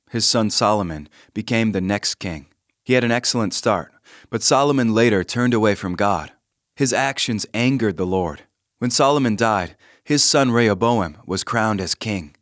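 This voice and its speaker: A man giving a calm, measured scripted reading of scripture and a short devotional with prayer. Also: lowish voice, dry recording, clean studio sound. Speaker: devotional reader.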